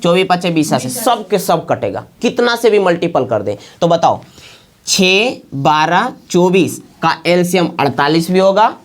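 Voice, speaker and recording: A woman's voice: on the low side, sing-song, measured pace. A woman teaching math to a class at the board, often asking the students to check along. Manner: asks the class constant check questions.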